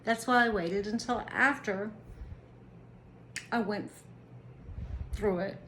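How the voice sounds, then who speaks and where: A woman vlogger speaking earnestly and deliberately about her own experience, with occasional restarts. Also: mid-range voice, fairly bright tone, slight background noise, low-quality recording. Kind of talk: personal reflective monologue to camera.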